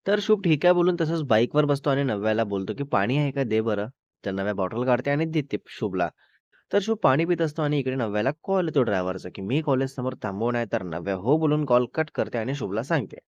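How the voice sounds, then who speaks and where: A man's voice: medium pitch, sing-song, quick pace, a little mellow, no echo. A man narrating a serialized romance story in a chatty way, with dramatic asides. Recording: dull, dry recording.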